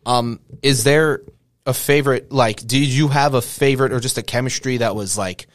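A man's voice: medium pitch, normal speed, no room sound, studio quality. A man hosting a casual interview, asking rambling, chatty questions. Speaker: interviewer host.

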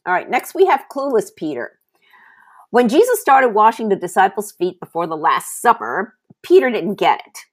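A woman hosting a Bible teaching podcast, telling the stories in an animated way and adding conversational asides. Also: mid-range voice, normal speed.

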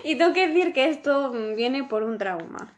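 A young woman in casual chat with a friend, telling her side of a story in an excitable, laughing way. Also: sits high, normal speed.

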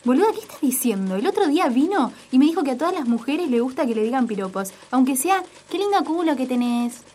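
Scornful Argentine coworker, husky high voice, quick and lively. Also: female voice, exaggerated voice. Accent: Argentine Spanish. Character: indignant young female coworker, sharp-tongued. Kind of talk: comic audio sketch acting.

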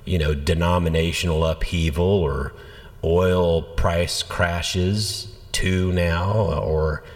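A low-voiced man speaks as a pastor in an easygoing, conversational way. His voice sits well down in pitch, and a long reverb trails behind it. He tells things with an animated storyteller's energy. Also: takes it slowly. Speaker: senior pastor. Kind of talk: conversational church podcast teaching.

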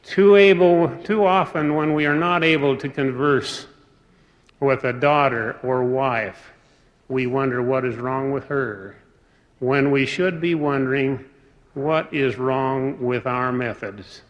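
A man delivers a formal sermon at a very slow, unhurried pace, leaving pauses between his phrases. His voice sits at an ordinary middle pitch. It carries the long reverb of a large hall. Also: fairly even intonation, muffled recording. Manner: measured, deliberate, pausing between phrases. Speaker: speaker.

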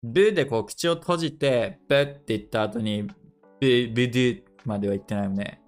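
A man hosting a casual dictation lesson. He thinks aloud and repeats English phrases slowly to check how they sound. His first language is Japanese. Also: medium pitch, animated, faint music behind. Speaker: podcast host leading a dictation session.

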